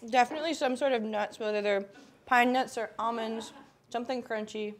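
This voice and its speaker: A woman chef guessing flavors while blindfolded, blunt and quick to swear and laugh. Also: fairly high pitch, fairly even intonation. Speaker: guest chef. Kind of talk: blindfolded taste test chat.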